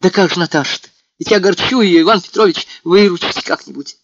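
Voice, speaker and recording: A male reader voicing a naive, excitable young man who pleads eagerly, in an audiobook. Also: high voice, fast talker, no echo, voice pushed up. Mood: fretful pleading. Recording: dull, lo-fi sound.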